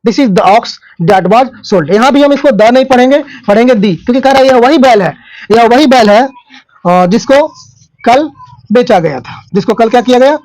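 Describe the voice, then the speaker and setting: A very high-pitched man with a Hindi accent, explaining English grammar the way a teacher does. He keeps asking rhetorical questions and answering them, and he draws out his example sentences. The sound is close and dry, with no room echo. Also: normal speed, a little mellow. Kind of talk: classroom-style grammar lesson.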